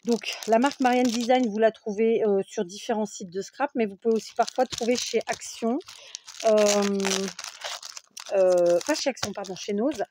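A woman's voice: fairly high pitch, moderate pace, warm tone, slight background noise. A woman hosting a casual scrapbooking tutorial, chatty and full of fillers, correcting herself as she works at a craft table.

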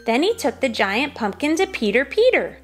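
A woman reading a children's story aloud with expressive storytelling. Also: high-pitched, normal speed. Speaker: volunteer reader. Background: soft background music.

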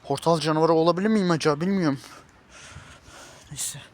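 A man acting out a homemade drama, frantically calling out and then calming himself in hushed tones. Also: fairly high pitch, fairly quick. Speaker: YouTube series creator playing himself as an agent.

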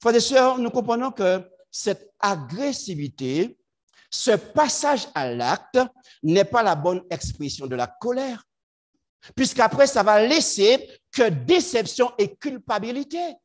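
A man preaching a sermon to his congregation, swinging between loud emphatic lines and low quiet asides. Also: very animated, slow pace.

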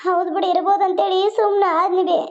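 A woman's voice: extremely high pitch, level tone, fast talker, a little mellow, highs cut off. A woman voicing a tearful, defiant young village bride who complains and pleads. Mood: complaining.

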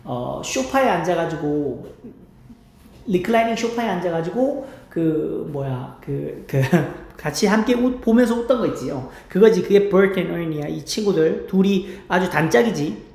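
A woman host giving a casual spoken language lesson, repeating English phrases slowly over and over with many fillers. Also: lowish voice, animated, creaky, a little mellow. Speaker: English teacher and channel host. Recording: roomy echo.

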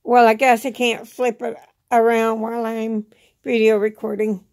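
A woman's voice: fairly high pitch, level tone, normal speed, a little mellow. A middle-aged woman giving a casual, rambling personal update to camera, plainspoken, with slightly slurred, toothless articulation. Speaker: vlogger. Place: small indoor room at home. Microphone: phone at arm's length.

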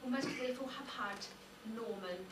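Captured by a distant microphone in an echoey, darkened lecture hall with background noise, this middle-aged Welsh woman speaks in a fairly high voice. A native Welsh speaker and university lecturer, she delivers a measured public talk, carefully stressing each name she lists.

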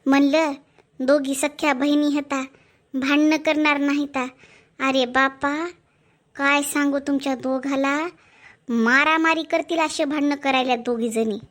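A fretful, scolding older mother-in-law from a cartoon family drama, put on by a woman. She worries aloud about the quarrelling in her house. The voice stays high for an older woman. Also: flat delivery, a little slow, long pauses, fairly bright tone. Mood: fretting.

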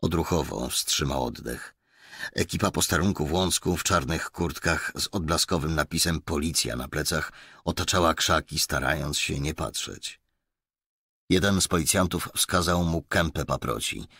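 A man narrating a crime audiobook in an expressive storytelling way. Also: a bass voice, normal speed, slightly rough, no echo, studio quality. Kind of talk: scripted narration.

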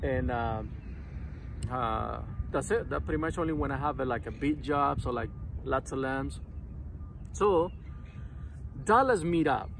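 In his thirties, a man who runs a lawn care business sits on the grass in a city park and rambles casually to his phone camera, held at arm's length, for a vlog full of fillers. His mid-range voice has lively intonation and vocal fry, and he speaks a little slowly with frequent pauses. There's slight background noise.

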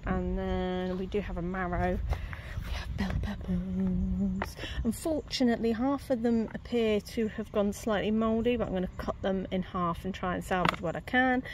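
Off-screen behind a handheld phone camera, a woman chats her way around her allotment garden, poking fun at herself and laughing easily. Her mid-range voice is steady and moves at normal speed. The background is noisy, with faint outdoor ambience.

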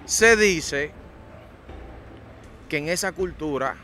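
A man's voice: on the high side, animated, takes it slowly, sharp tone, faint music behind. A man interviewing women on the street for a documentary, asking direct questions with slangy asides. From Dominican Republic.

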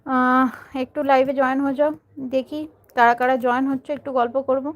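A woman's voice: sits high, flat delivery, a little fast, highs cut off. A woman on a casual live stream, talking to her pet bird in a coaxing, doting way.

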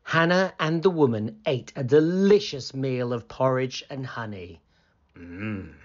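A man reading a children's storybook aloud as a channel host, in a slow, expressive, sing-song bedtime-story manner. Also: medium pitch. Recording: slightly dull lo-fi sound.

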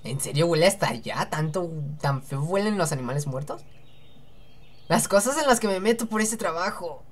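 A woman's voice: lowish voice, expressive, moderate pace. A young woman hosting a let's-play, chatting and joking to herself as she reads game dialogue aloud. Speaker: gaming channel host.

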